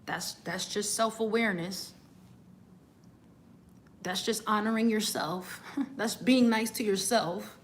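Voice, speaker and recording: A woman's voice: mid-range voice, takes it slowly, long pauses, a little hiss or hum. A woman, a singer, giving an earnest motivational talk, often repeating words as she starts a thought.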